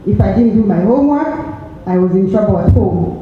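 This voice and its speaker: A woman's voice: mid-range voice, expressive, normal speed, distant mic, phone-quality sound, slight background noise. Ugandan woman in an echoey hall. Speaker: interviewee sharing experiences. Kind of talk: reflective personal talk.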